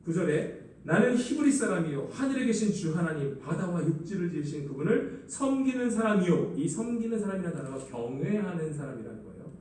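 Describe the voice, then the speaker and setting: A male pastor preaches with a lively, rising and falling delivery, playing out the quoted words himself. His voice is fairly high for a man but mellow and dark. It booms around a reverberant church hall, picked up from some way off the mic. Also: fairly quick, far from the mic. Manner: expressive preaching, acting out quoted lines. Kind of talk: sermon. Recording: echoey hall, voice from afar.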